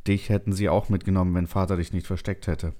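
Deep, dark-voiced male narrator. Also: level tone, quick pace. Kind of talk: second-person sci-fi audiobook narration.

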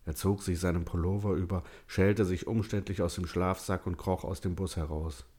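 Male audiobook narrator, very low voice, calm and measured. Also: breathy edge.

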